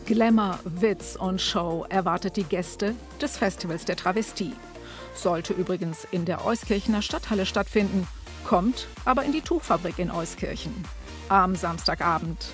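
A woman reading out local event listings as a news presenter, in brisk announcing style. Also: on the low side, music in the background.

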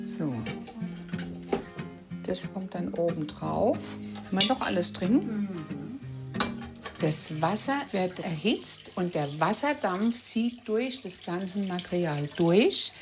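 A woman aromatherapist explaining a distillation step by step in a plain, instructive way. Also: mid-range voice. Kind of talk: explaining a demonstration.

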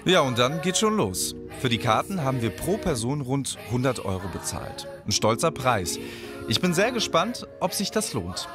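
A man from Frankfurt narrating a travel vlog in a scripted voice-over, telling the story in a lively way. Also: mid-range voice, normal speed, music in the background. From Germany, Frankfurt.

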